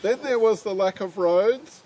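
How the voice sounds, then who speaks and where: An older Australian man with a fairly high voice leads a walking tour outdoors. He reads from his notes, restarting words and filling gaps with um and uh. Clear traffic and street noise sit behind him, picked up by a camera at a distance. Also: unhurried, warm tone. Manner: reads aloud from notes, with many ums and restarts. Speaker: tour guide. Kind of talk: reading and explaining on a walking tour. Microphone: far camera.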